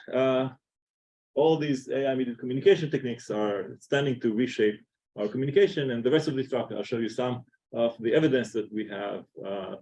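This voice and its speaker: A man with an Israeli accent giving an academic seminar talk in a lecture room, pausing often with "uh". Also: mid-range voice, darkish tone, slightly rough, rough recording. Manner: halting, many filler "uh"s. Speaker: seminar speaker.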